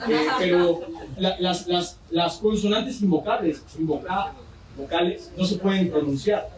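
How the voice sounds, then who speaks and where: A man's voice: sits high, unhurried, crowd noise. A man with a Mexican accent preaching a sermon, telling a story with joking asides. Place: church. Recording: roomy church hall from far off.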